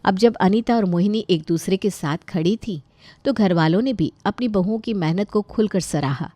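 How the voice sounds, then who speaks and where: Woman narrator, calm storybook reading, mellow tone, dry close mic. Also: medium pitch, moderate pace, no room sound.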